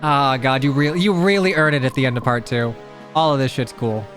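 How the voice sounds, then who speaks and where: A man's voice: mid-range voice, brisk, a bit bright, faint music behind. A man giving casual, wry commentary as he plays through a video game. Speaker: game streamer.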